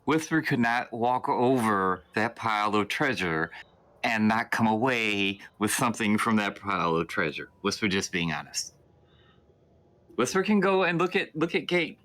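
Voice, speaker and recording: A man's voice: lowish voice, animated, moderate pace, sharp tone. A man playing Whisper, a greedy third-person sneak. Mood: candid. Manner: speaks of himself by name in the third person. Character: greedy male sneak who talks of himself in the third person.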